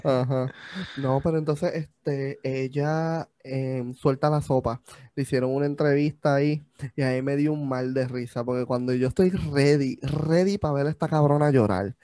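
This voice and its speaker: A man with a Puerto Rican accent, gossiping in casual chat as a co-host, animated, acting out quoted voices and swearing freely. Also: medium pitch, moderate pace, no echo.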